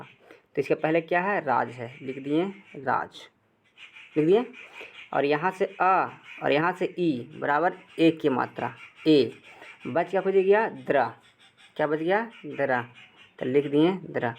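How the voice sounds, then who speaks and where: A man's voice: fairly high pitch, slight background noise. A man with a Bihari Hindi accent teaches a grammar lesson at the board. He keeps asking short questions and answering them himself, in a repetitive call-and-answer way.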